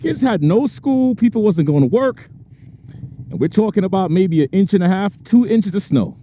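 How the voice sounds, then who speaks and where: Biker vlogger, male, fairly high but mellow voice, loose and chatty, helmet mic with faint road noise. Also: animated. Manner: chatty, laughs often, drawn-out stresses. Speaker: motorcycle vlogger. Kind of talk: casual chat while riding. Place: on a motorcycle in traffic outdoors. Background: faint traffic and wind noise.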